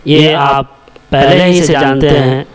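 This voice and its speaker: A man teaching a slow alphabet lesson, repeating each letter several times and explaining step by step where it is made in the mouth. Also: on the high side, fairly even intonation, over a noisy crowd. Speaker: Arabic teacher.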